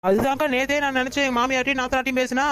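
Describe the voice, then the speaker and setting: A woman voicing a worried young daughter-in-law in a Tamil cartoon, pleading and complaining softly to a friend. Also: sits high, little pitch movement, rapid-fire, clear, resonant tone, soft background music. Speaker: storyteller addressing viewers.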